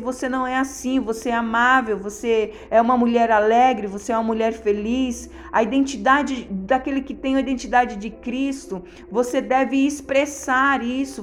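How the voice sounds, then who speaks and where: Uma pastora brasileira pregando um sermão com sotaque brasileiro, em tom sério e exortativo, encenando orações a Deus. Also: female voice, fairly high pitch. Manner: earnest, exhorting, acts out prayers to God. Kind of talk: sermon.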